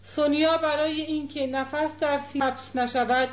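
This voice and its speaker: A woman narrating a novel as an audiobook in a measured, even reading. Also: sits high. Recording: dull echoey recording.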